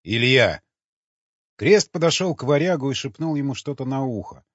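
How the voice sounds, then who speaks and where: A man narrating an audiobook in an expressive storytelling manner. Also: a little high, a little fast, no room sound. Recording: dull lo-fi recording.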